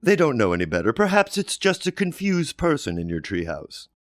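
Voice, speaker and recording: A man's voice: mid-range voice, wildly swooping pitch, fairly quick, no echo, clean studio sound, voice pushed up. A man voicing a patient but firm mother in a read-aloud storybook. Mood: lecturing. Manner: firm, reassuring, prim.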